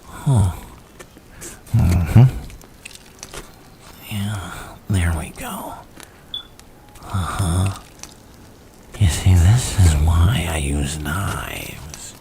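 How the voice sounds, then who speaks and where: A menacing clown criminal, rumbles in an extremely low, creaky whisper. He speaks slowly and theatrically, coaxing and taunting with unhinged playfulness, like an ASMR villain roleplay with faint hiss behind him. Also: heavily acted. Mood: gleeful, sinister. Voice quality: breathy, gravelly whisper with creaky rasp. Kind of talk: ASMR roleplay, dramatic monologue.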